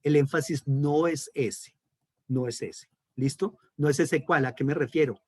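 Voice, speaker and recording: A man's voice: a little high, measured pace, no room sound, studio quality. A man with a Colombian accent, a pastor teaching a theology class, emphatic and checking in with his listeners often. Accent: Colombian Spanish. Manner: emphatic, checks in with frequent "¿listo?". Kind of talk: online class lecture.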